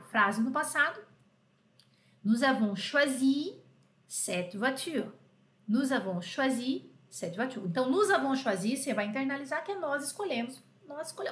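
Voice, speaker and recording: A woman's voice: sits high, a bit bright, reverberant. A Brazilian woman teaching a live French lesson in a chatty, affectionate way, often checking in with her students. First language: Portuguese.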